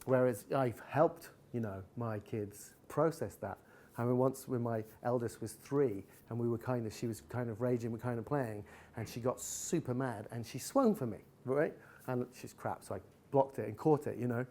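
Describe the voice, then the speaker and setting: A man's voice: medium pitch, normal speed. A man giving a candid live talk, telling personal stories and acting out retellings. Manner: candid storytelling, animated retellings. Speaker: guest speaker. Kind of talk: live talk with audience chat.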